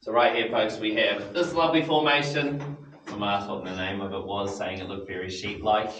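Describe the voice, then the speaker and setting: A man's voice: lowish voice, fairly even intonation, normal speed, a bit bright. Man guiding a tour in an echoing cave. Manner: addresses group casually, instructive. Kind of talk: informal guided tour explanation. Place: inside a limestone cave. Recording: echoing cave, distant mic, faint noise.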